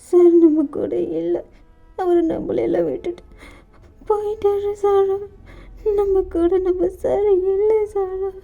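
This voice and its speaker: A woman doing a high, tearful young friend. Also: vocal fry, warm tone. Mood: grieving. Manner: raised pitch, slow broken delivery when crying. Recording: dull lo-fi recording with faint music.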